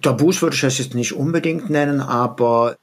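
A man speaking as an expert guest in a podcast interview, explaining in a deliberately provocative way and often checking in with "ja?". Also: medium pitch.

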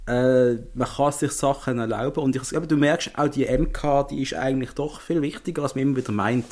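A man's voice: medium pitch, a little fast, darkish tone. A man with a Swiss German accent co-hosting a football podcast, talking eagerly with frequent restarts and chuckles. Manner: talkative, chuckling, many restarts. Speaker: podcast co-host. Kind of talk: casual football chat.

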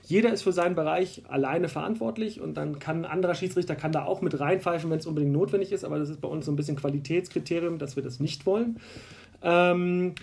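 A basketball referee from Berlin, appearing as a guest, talks through refereeing rules in a relaxed, casual conversation. His voice is gravelly and dark yet a little high for a man, and he talks fast, circling back with fillers and restarts.

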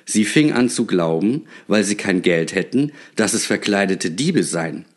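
A man reading a story aloud with expressive, theatrical delivery. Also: fairly low pitch, measured pace. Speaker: narrator.

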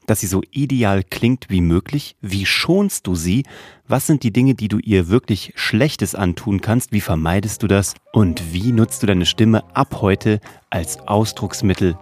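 A man in his thirties hosts a solo podcast and coaches his listeners on using their voice. His voice sits low, and the sound is close and dry, with no room around it. He talks in a lively, chatty way. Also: no room sound. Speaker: podcast host.

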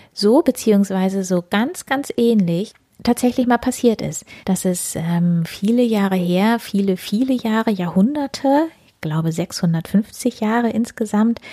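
A woman's voice: on the low side, dark tone, breathy edge. A woman hosting her own show, reading a children's story aloud in a chatty storytelling manner. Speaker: storyteller host.

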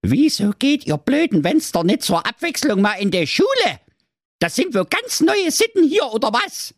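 A fed-up, foul-mouthed mother goat, played by a man nags and rants in a broad Saxon accent. The voice sits high and leaps about wildly in this comic audio fairy tale, recorded dry and close. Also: wildly swooping pitch, normal speed, dry recording, exaggerated voice. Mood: ranting. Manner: nagging, ranting.

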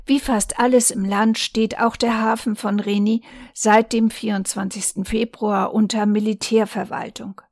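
A woman reads a newspaper reportage aloud at a calm, measured pace. Her voice sits at an ordinary middle pitch. The recording is close and dry, with no room sound. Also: no echo. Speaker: volunteer reader.

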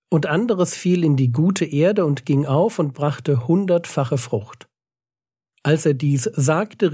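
A man's voice: a little high, warm tone, slightly rough, dry recording, clean studio sound. A man teaching the Bible on a podcast in an earnest, emphatic way, reading scripture passages aloud.

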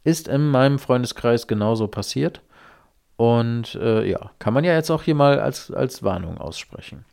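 A man hosting his own podcast, chatting in a loose, rambling way with a mid-pitched, everyday voice. He swears offhandedly and drifts from thought to thought. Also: lively intonation, normal speed, vocal fry, a little mellow. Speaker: podcast host. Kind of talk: casual solo podcast monologue.

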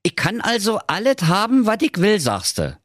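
A cheeky, wheedling frog done by a man talks in a pinched, raised voice with a Berlin accent. His pitch hops lively up and down in a dry, close recording. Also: moderate pace, no room sound, exaggerated voice.

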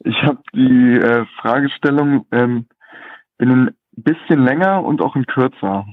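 A man's voice: medium pitch, a little slow, no echo. Young man calling in over a tinny phone line. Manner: hesitant, many fillers. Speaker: caller. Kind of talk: casual call-in chat.

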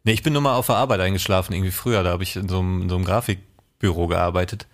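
Male co-host, low voice, easygoing jokey banter with frequent laughs. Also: racing. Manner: relaxed, joking, laughs often. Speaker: podcast co-host. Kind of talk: casual chat.

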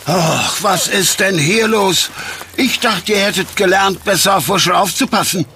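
An actor playing a strict, bossy man who guards his garden, with a gruff kindness underneath, in a children's audio drama. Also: high voice, unhurried, noisy background. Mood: scolding. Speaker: stern garden owner neighbor.

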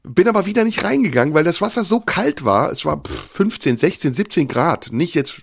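A man telling a listener a personal story, reflective and unhurried, often pausing with fillers. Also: fairly high pitch, expressive, vocal fry, breathy edge, no room sound, clean studio sound.

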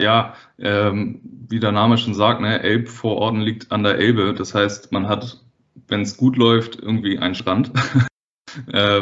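A man from the Hamburg area in his thirties, a freight dispatcher answering interview questions casually, hesitant with many fillers and quick to laugh. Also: lowish voice, lo-fi sound. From Hamburg area, Germany.

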